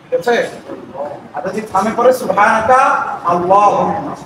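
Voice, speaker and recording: A man teaching prayer recitation, patiently breaking words into syllables and chanting them slowly. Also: high voice. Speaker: religious teacher. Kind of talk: explaining pronunciation step by step. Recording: echoey room, distant mic, noisy.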